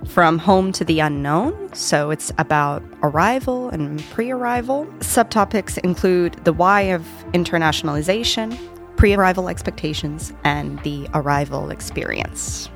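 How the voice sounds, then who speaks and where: A woman's voice: on the low side, expressive, unhurried, soft background music. A woman in her twenties moderating a student podcast, friendly and conversational with some filler words. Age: 20s.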